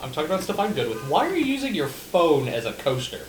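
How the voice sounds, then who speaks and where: A man's voice: a little high, huge pitch swings, fast talker. Brief: male co-host, provocative and joking, faint background noise. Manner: teasing and provocative. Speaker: podcast co-host. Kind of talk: casual joking banter. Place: room shared with several people. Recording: roomy echo with faint noise.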